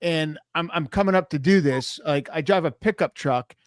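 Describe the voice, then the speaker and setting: A middle-aged man hosting a podcast tells his own anecdotes in a relaxed, casual way, quoting the people in them. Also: fairly high pitch, normal speed, no echo, clean studio sound. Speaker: podcast host. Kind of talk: casual interview chat.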